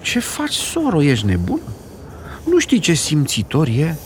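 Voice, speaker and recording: A man voicing a doting, fussy old grandmother who talks in a shrill, scolding, old-fashioned way. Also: huge pitch swings, a little hiss or hum.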